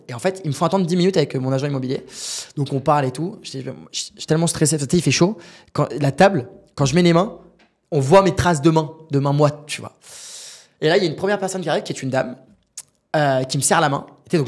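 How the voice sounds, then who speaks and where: A young man with a husky edge in his voice tells a story at a brisk clip, acting out every character's lines. He is a podcast guest sitting across from the host and keeps talking straight to him, slangy and animated. His voice sits a little high for a man. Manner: animated, acts out dialogue, uses slang and asides to the host. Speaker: guest, business founder.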